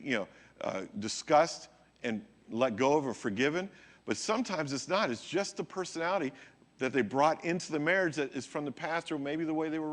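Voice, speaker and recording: A man's voice: a little high, a bit bright. A male pastor preaching a sermon in a conversational way, often checking in with his listeners. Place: church.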